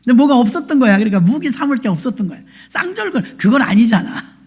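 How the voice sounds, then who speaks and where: A woman's voice: fairly high pitch, sing-song, fast, a little mellow, breathy edge. A woman pastor telling a story in a sermon, plain-spoken and colloquial, acting out the voices of the people in it. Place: church.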